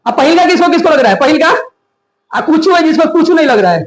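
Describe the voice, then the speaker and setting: Male grammar teacher, classroom lecture, high pitch, roomy echo, quizzes students constantly. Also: fast. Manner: questions the class often, animated.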